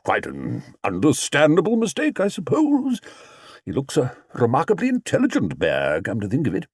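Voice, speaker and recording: A pompous, theatrical stage actor with a booming, dramatic voice, put on by a male storyteller. He swings wide and loud, gruff and grand by turns. Close, dry reading. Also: wildly swooping pitch, moderate pace, no echo, exaggerated voice.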